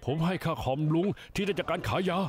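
A man's voice: sits high, quick pace, close to an everyday voice. A man dubbing a surly, defiant young nephew in a drama, speaking sharply and combatively. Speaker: voice actor in a Thai dub of a drama. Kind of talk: dubbed TV drama acting.

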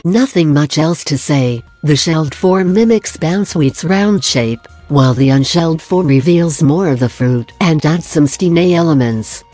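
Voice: medium pitch, animated, a little slow, hardly any pauses, darkish tone, faint music behind. A narrator reading a scripted voice-over for a drawing video, with dry, self-deprecating humor.

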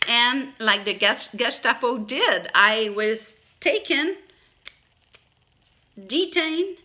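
A woman with a French accent, talking straight to her viewers with emphasis and many halting restarts, a little congested from allergies. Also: medium pitch, sharp tone. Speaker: YouTuber. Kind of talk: direct-to-camera monologue.

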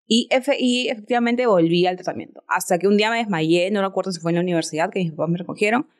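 A woman's voice: mid-range voice, fast. A woman, a podcast guest telling a personal story in an earnest, reflective way. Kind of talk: casual chat.

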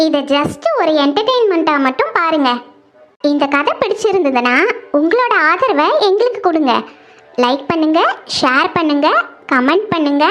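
High-voiced woman channel host. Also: fairly bright tone. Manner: upbeat, addressing viewers. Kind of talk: video introduction.

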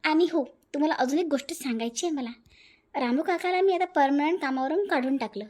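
A woman's voice: sits high, fairly quick, darkish tone, a little hiss or hum, natural voice. Woman playing a defiant, taunting cartoon daughter-in-law. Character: bold, sharp-tongued young daughter-in-law.

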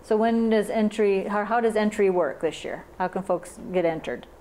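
A woman hosting a studio interview, asking brisk prompting questions. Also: medium pitch, mellow, a little hiss or hum. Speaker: host. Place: small TV studio. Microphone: lapel mic.

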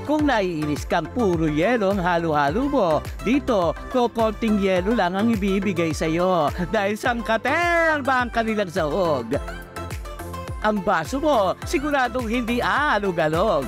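A man's voice: high voice, lively intonation, measured pace. Playful rhyming male news narrator. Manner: playful, rhyming, rhythmic delivery. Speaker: feature reporter. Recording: voice-over with loud background music.

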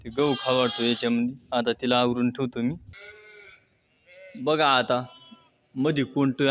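A man filming his sheep outdoors near the pen, casually talking viewers through the scene and pointing things out to them. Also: medium pitch. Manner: addresses viewers as friends, keeps pointing things out. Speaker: shepherd vlogger. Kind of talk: casual narration to camera. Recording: loud outdoor noise, bleating sheep. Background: bleating sheep and lambs.

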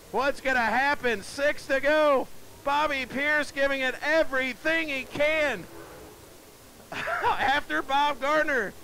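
A man calling a dirt track race live, excitable and breathless, often shouting as the action builds. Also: extremely high pitch, slight background noise. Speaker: race announcer.

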